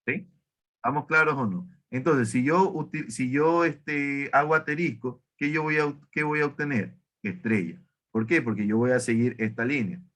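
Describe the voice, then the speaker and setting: A man's voice: mid-range voice, fairly bright tone. A man teaching an online math class, asking students questions and often correcting himself. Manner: questioning, self-correcting, many fillers.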